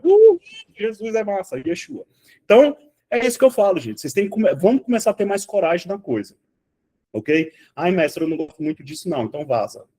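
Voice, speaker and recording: A man teaching an online spiritual class from home, swinging from hushed remarks to loud outbursts and swearing freely. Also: sits high.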